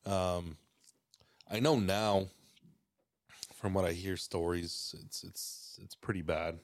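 A man from Mexico, a podcast guest, talking in a relaxed, rambling way with lots of fillers and restarts. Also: low voice, slow, dry recording, studio quality. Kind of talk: casual podcast chat.

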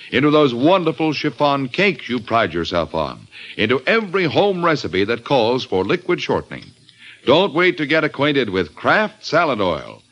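A man booms out an emphatic old-time radio sales pitch with theatrical flair, his pitch swinging lively up and down, before switching to narrating and setting the scene. The sound is lo-fi.

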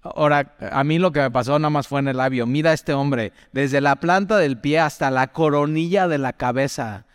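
Smooth-voiced man teaching the Bible. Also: on the high side, normal speed, dry recording, studio quality, long reverb tail. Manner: chatty, asks the listener direct questions, tells personal stories.

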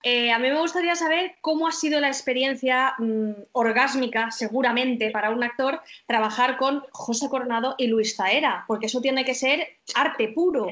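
High-voiced Spanish woman co-host. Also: normal speed, few pauses, fairly bright tone. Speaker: podcast co-host. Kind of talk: casual interview chat.

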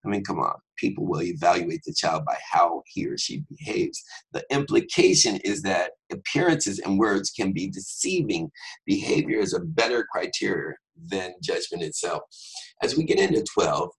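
A man giving a fast, conversational Bible teaching on a podcast, with joking asides. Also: deep voice, lively intonation, vocal fry, husky, low-quality recording.

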